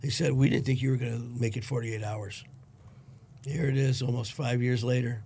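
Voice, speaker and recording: Gravelly middle-aged man from Detroit, blunt, profane podcast guest, faint hiss behind. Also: medium pitch, moderate pace. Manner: blunt, profane, animated retelling with quoted dialogue. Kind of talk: casual storytelling.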